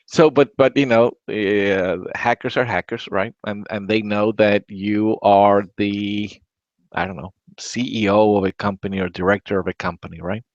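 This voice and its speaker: Rambling low-voiced man, dull dry audio. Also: steady tone, moderate pace, no room sound. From Latin America. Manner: rambling, repeats words, many "right?" tags. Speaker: podcast host. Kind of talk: casual tech chat.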